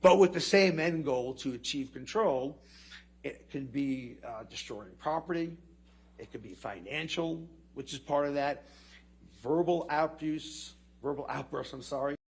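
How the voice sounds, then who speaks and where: A man giving expert testimony in a courtroom recording, explaining terms in a measured way, listing them one by one. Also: a little high, breathy edge. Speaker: expert witness.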